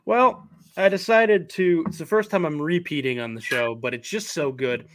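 Young male co-host with a somewhat high voice, laid-back but opinionated sports chat. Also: a bit bright. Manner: easygoing, opinionated, talks in rushed bursts. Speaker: podcast co-host. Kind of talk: casual sports talk.

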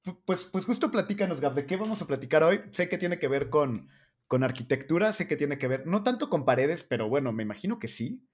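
Young guy, kinda high voice, goofy rambling podcast host. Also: animated, brisk, slightly rough. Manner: playful, rambling, hesitant. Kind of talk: casual chat.

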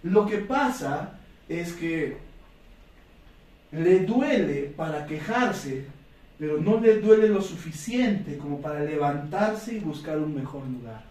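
A man voicing a patient male shop owner who explains a lesson slowly and calmly. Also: fairly high pitch, voice pushed down. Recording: echoey room, distant mic.

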